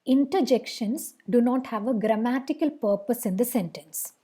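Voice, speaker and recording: Female grammar teacher, Indian English accent, fairly high breathy voice; patient, repeats examples. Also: moderate pace, mellow. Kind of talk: explanatory lesson.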